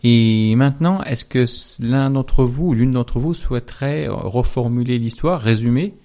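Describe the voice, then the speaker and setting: A man leading a classroom discussion, encouraging his students and pausing with fillers, heard from a distance. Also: medium pitch, warm tone. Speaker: teacher leading a class session.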